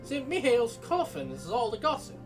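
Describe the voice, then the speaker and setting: A man's voice: very high-pitched, huge pitch swings, moderate pace, over music, pitched above the performer's own voice, full character voice. A man voicing a friendly, chatty woman villager in a game, reading her lines in a raised, lilting voice. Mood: chirpy.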